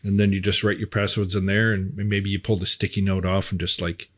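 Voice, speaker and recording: A middle-aged man reads out viewer questions and chats in an easygoing, unhurried way. His voice is on the low side. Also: little pitch movement. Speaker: co-host reading viewer questions. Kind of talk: casual chat.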